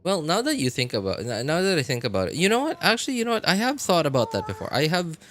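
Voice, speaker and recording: A game livestreamer chats casually with his viewers while playing, rambling and rephrasing himself as he goes. His voice is a bit high and fairly bright, with huge pitch swings and a fast pace. There's slight background noise.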